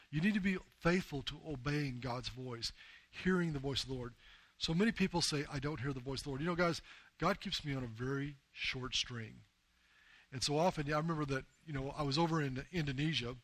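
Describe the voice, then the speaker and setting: An earnest pastor preaching a sermon, mid-pitched and conversational, leaning on emphasis and small fillers. The recording is dry and close, with no room sound around his voice. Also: a bit bright, no room sound. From United States. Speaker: pastor and missionary leader. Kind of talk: sermon with personal storytelling.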